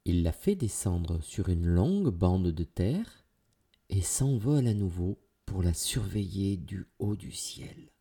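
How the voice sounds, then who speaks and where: A man reading a children's tale aloud in a dramatic, expressive way. He speaks slowly, with wide, lively swings in pitch. His voice is gravelly and a bit husky. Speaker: storyteller. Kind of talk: children's story narration.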